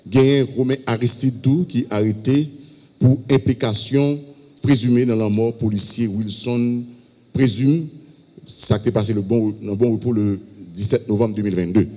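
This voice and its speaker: A man with a Haitian accent, a police spokesperson giving a press briefing, reading out a list of cases in a halting way. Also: mid-range voice, steady tone. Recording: echoey hall with long reverb.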